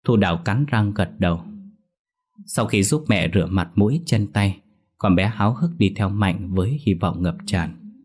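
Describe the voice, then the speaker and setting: A man narrating a scripted horror story in a steady, measured storyteller's delivery. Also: lowish voice, breathy edge.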